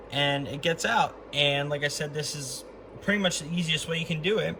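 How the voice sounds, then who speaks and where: This vlogger has a mid-range voice and chats informally while working on a car in his garage, demonstrating a CB radio setup. The home recording is a bit noisy, with clicks from handling, and the talk stays loose and hands-on throughout.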